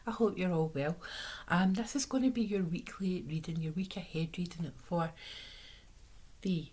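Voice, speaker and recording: Low, sore-throated Scottish woman. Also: moderate pace, darkish tone, breathy edge. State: sore, swollen-sounding throat, hoarse. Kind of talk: casual chatty tarot reading.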